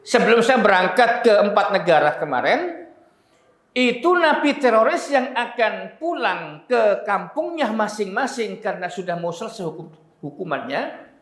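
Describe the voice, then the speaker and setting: A man's voice: high voice, fairly bright tone. A man giving a religious lecture, telling emotional stories and talking straight to the audience. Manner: conversational, addresses audience directly, emotional storytelling. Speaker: preacher. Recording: echoey room.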